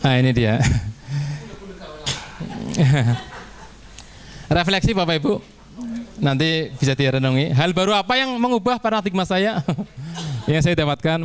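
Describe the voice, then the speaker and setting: Chatty male teacher giving a training talk. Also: on the high side. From Indonesia. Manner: chatty, acts out teacher-student dialogues with little laughs. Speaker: teacher presenting to fellow teachers. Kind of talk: informal training presentation.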